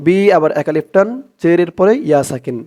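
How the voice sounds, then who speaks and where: A man teaching a prayer phrase by phrase, chanting the words slowly and drawn out between plain spoken explanations. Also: on the high side, mellow. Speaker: Arabic teacher.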